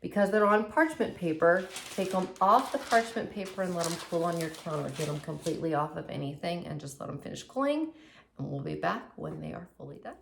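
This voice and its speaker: A woman's voice: on the low side, animated, brisk, gravelly, fairly bright tone, a little hiss or hum. Chatty woman hosting a home cooking show. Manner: chatty and upbeat, talks viewers through steps. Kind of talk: casual cooking demonstration.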